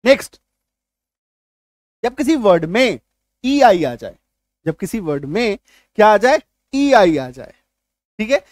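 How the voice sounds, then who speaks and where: A man's voice: sits high, very animated, slow pace, pauses often, no echo, clean studio sound. A man teaching an English spelling and pronunciation lesson, repeating key words and quizzing the viewer.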